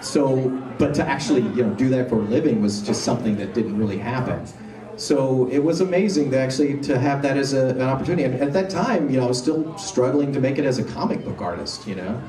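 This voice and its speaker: Guy on a convention panel telling stories, mellow voice, roomy hall, mic kinda far off. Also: medium pitch, fast. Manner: animated anecdotal storytelling, acts out quoted voices. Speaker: convention panel guest voice actor.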